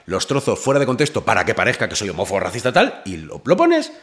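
Animated deep-voiced man. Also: fast. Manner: loud, animated storyteller with swearing and laughs. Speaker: rapper guest. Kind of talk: casual podcast interview.

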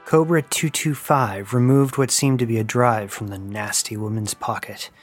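A man narrating a science-fiction story in a steady, even reading voice. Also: mid-range voice, normal speed, faint music behind.

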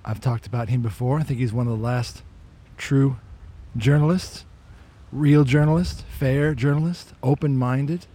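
A man's voice: mid-range voice, steady tone, a little slow, mellow, slightly rough. A man hosting a casual walk-and-talk podcast outdoors, talking in an opinionated, conversational way and often repeating words as he restarts. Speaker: podcast host.

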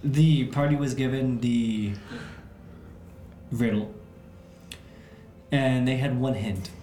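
A man running a tabletop game as game master, recapping slowly with many pauses and fillers. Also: mid-range voice, steady tone, mellow, slight background noise. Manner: slow, hesitant, with frequent fillers. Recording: echoey room.

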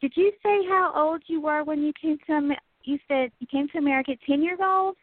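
A woman leads an interview with measured, soft-spoken prompts. Her voice sits a little high. The line sounds thin, like a phone. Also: no room sound, narrow, tinny audio. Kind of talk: conversational interview.

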